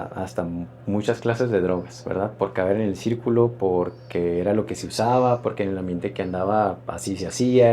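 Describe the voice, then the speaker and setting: A pastor, telling his personal testimony in an interview in an earnest, reflective, halting way. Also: medium pitch, warm tone.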